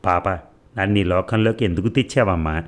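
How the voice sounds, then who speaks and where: A man reads out a sick young wife, burning with fever and grieving for her little daughter, in a deep, low voice. Her words come weak and pleading, in a slow storybook reading. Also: close to an everyday voice.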